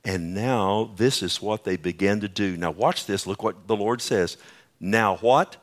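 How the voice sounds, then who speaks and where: A pastor preaching a sermon at a pulpit microphone in a church, emphatic, putting questions to the congregation. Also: male voice, fairly low pitch, a little slow.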